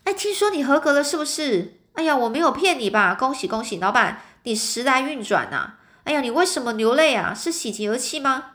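A woman's voice: high-pitched, moderate pace, pitched above the performer's own voice. A woman doing an eager, chatty shop clerk. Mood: excited. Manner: excited, exclamatory.

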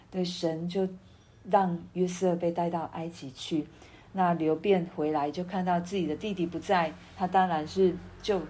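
A woman preaching a sermon on a Bible passage, speaking earnestly with frequent pauses and restarts. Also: fairly low pitch, dark tone. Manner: earnest, halting, with repeated restarts.

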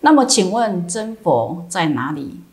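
A woman's voice: lowish voice, big pitch swings, unhurried. A woman voicing a young male Chan student who asks doubtful questions.

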